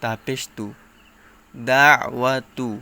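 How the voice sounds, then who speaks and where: Male Quran reading teacher: slow, clear, resonant voice, spelling drills letter by letter. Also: mid-range voice, level tone, fairly bright tone. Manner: spells out letters and vowel marks, then chants the joined syllables.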